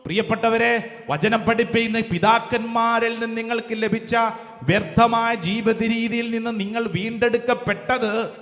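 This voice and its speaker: Male priest, high register, fervent call-and-response sermon, roomy hall reverb. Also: steady tone, fairly bright tone. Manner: fervent, quizzes the congregation with rapid questions. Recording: echoey church hall with long reverb.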